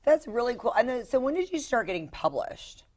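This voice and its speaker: A woman's voice: fairly high pitch, very animated, a little fast, darkish tone. A woman hosting an interview show, chatty and eager, asking long rambling questions full of "like" and "you know.". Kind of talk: casual interview chat.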